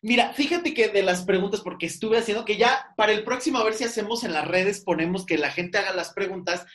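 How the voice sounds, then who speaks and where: A man with a Mexican accent hosts a podcast interview, keeping it a casual, chatty, rambling conversation and laughing often. His voice sits high, a bit bright, and he talks fast.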